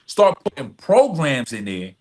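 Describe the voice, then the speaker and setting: Guesting on a podcast, a middle-aged nonprofit executive director recounts stories in earnest, emphatic fashion, frequently repeating phrases and asking "right?". His medium-pitched, slightly mellow voice swings hugely in pitch, and he speaks a little slowly.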